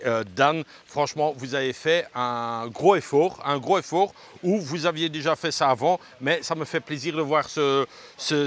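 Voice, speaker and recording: A man's voice: on the high side, fairly bright tone. A man vlogging casually while walking outdoors, hot and short of breath, joking and talking straight to his viewers. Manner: chatty, jokey, addresses viewers directly. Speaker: travel vlogger. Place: outdoor ridge path.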